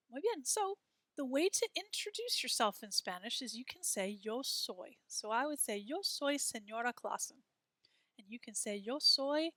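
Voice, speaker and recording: A woman teaching a beginner Spanish class from a textbook, modeling words slowly and clearly for students to repeat. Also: on the high side, pushed and bright, no echo. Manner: slow, exaggerated modeling of words for repetition. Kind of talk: classroom lesson reading from a textbook.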